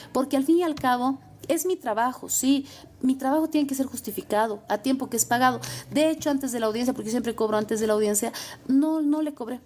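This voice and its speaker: A woman's voice: on the high side, a little mellow, a little hiss or hum. Emphatic woman lawyer. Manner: emphatic, repetitive. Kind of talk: advice talk.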